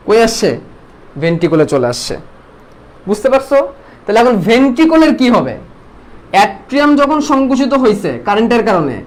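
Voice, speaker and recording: Teaching biology online, a man speaks quickly in a high voice. He throws questions at his students, repeats them several times, and ends up answering them himself.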